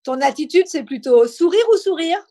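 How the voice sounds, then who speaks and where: A woman's voice: sits high, expressive, normal speed, warm tone. A woman hosting a live interview, speaking informally as she puts questions and introduces topics. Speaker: interview host. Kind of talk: live online interview, quiz-style questions then conversation.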